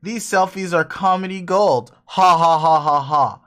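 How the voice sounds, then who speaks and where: Male reader doing a profane, self-mocking cool teen boy; rambling, slightly high voice, webcomic reading. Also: lively intonation, normal speed, a bit bright. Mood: laughing. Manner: profane, rambling, laughs a lot.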